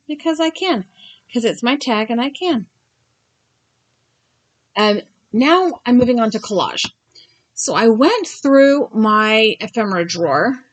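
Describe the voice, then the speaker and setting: A woman talks through a craft project in a casual, chatty voice of medium pitch. She speaks with braces, so her articulation is a little slurred and careful. Her delivery is informal and gently self-deprecating. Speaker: craft tutorial host. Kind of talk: casual tutorial voice-over.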